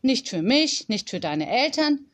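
A playful, kind storybook teacher, as a woman reader puts her on, with a high, sing-song voice full of cheer. She talks with gentle enthusiasm, as if everything at school is a small wonder. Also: very animated, measured pace. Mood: gentle, persuasive.

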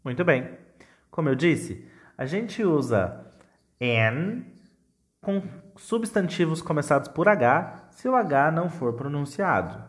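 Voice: medium pitch, very animated, slow. An English teacher with a Brazilian Portuguese accent, giving a call-and-repeat lesson with careful model phrases and questioning prompts.

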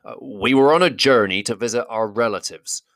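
A man's voice: mid-range voice, moderate pace, fairly bright tone, no echo, clean studio sound, pitched above the performer's own voice, natural voice. A man voicing a proud male dwarf leader in an audiobook reading, speaking formally and courteously in a raised voice. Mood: stiffly polite. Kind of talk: audiobook character voice.

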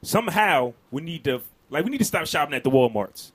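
A man chiming in with quick points in a casual group discussion. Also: fairly high pitch, sing-song, fairly bright tone, breathy edge. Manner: quick interjections.

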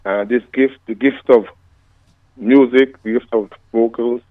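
A man in his fifties from Guyana, a reggae singer, calling into a radio show by phone, speaking in a devout, thankful and unhurried way. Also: medium pitch, fairly even intonation, dry recording. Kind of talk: relaxed storytelling interview. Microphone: phone line. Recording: tinny, dry phone line.

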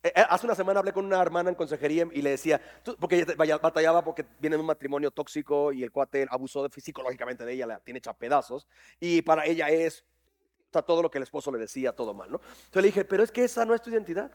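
A man preaching a sermon to his congregation, lively and jokey, quizzing people on verses. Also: a little high, quick pace. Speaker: pastor. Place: church hall with congregation.

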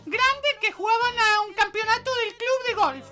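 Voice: very high-pitched, normal speed, bright, forceful tone. A performer voicing a tiny, cheeky, chatty boy character with an Argentine accent on a children's show. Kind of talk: kids show character banter.

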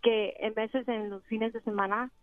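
A woman's voice: on the high side, fairly even intonation, measured pace, no echo. Middle-aged woman calling a radio show by phone. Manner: radio show caller, hesitant and pleading. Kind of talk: personal call-in conversation. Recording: narrow tinny phone line.

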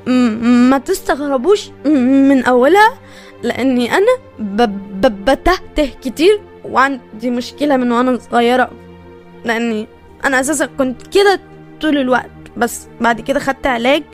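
A woman voicing a young Egyptian woman who stutters and speaks hesitantly and quietly in a recorded message. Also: high-pitched, fast talker, faint music behind, pitched below the performer's own voice, natural voice. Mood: somber.

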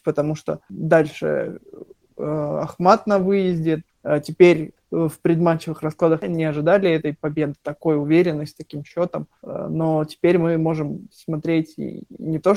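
Gravelly guy talking football after a match, dark voice, keeps restarting. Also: fairly high pitch, dry recording. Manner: halting, many fillers and restarts. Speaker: football pundit. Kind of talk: post-match discussion.

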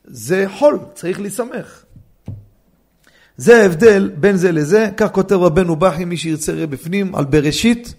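Rabbi man lecturing in a study hall, high voice w/ a gravelly edge, keeps throwing questions at the class. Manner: animated, fires rhetorical questions at listeners. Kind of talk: Torah law lecture.

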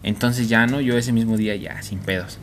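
A man's voice: fairly low pitch, steady tone, normal speed, background noise. A young man with a Mexican accent, co-hosting a podcast. He tells a spooky story in casual, crude slang and jokes often. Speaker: podcast co-host.

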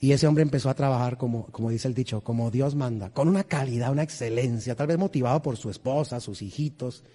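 A Colombian pastor delivers a humorous, story-driven sermon at a large Houston church, quizzing the congregation as he goes. His mid-range voice is mellow and fast, echoing through the reverberant hall.

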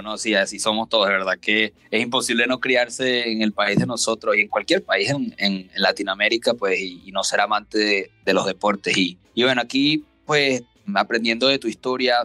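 Bright-voiced Venezuelan podcast host. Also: male voice, on the low side, dry recording. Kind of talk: casual podcast hosting.

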